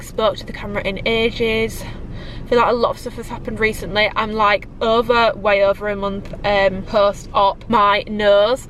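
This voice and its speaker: This fitness vlogger is a woman in her twenties with a British accent, talking to camera in a relaxed vlog style, peppered with likes and ums. A cold has left her nose a little stuffy. Her medium-pitched voice has a fairly bright tone, and the rough recording, made in a parked car and at home, carries slight background noise.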